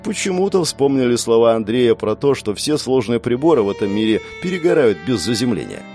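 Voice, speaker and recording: Expressive male audiobook narrator. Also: medium pitch, fairly quick, soft background music. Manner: wry, expressive storytelling. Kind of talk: first-person audiobook narration.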